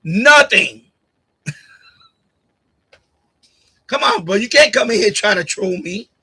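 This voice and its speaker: His high voice is bright and forceful with a breathy edge and lively intonation, though he takes it slowly. The man, from Puerto Rico, hosts a casual live stream at home on a boom-arm USB condenser mic, bluntly sparring with commenters, repeating points and laughing frequently.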